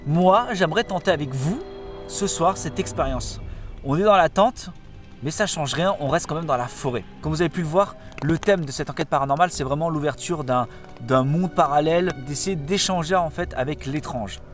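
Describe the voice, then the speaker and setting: Young vlogger, eager and explanatory, slightly high voice, music under him. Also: male voice, normal speed. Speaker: paranormal investigation vlogger. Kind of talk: casual on-location narration. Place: tent in a forest at night.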